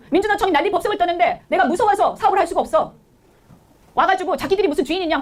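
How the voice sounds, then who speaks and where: A middle-aged woman giving a political speech, blunt and indignant, firing off one rhetorical question after another. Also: very high voice. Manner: emphatic, full of rhetorical questions. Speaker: political speaker.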